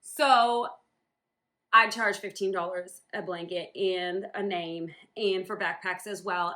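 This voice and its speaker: A lowish voice, pushed and bright, belongs to a Northern New England woman from the USA who rambles through a casual vlog about her home embroidery business. Ums and likes come up constantly.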